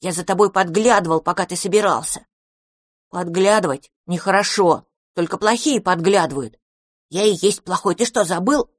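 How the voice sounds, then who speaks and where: A woman's voice: on the low side, moderate pace, no room sound, studio quality, lightly acted. A woman voicing a small male baby dragon who boasts that dragons must be bad, and turns whiny when he feels unwanted. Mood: plucky. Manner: plucky, whiny when hurt.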